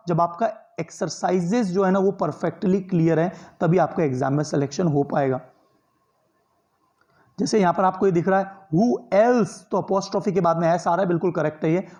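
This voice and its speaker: At a normal pace, a man whose voice sits high with a darkish tone teaches grammar for an exam in an online lecture. He breaks things down step by step, often answers his own questions, and uses tag questions meant to draw agreement.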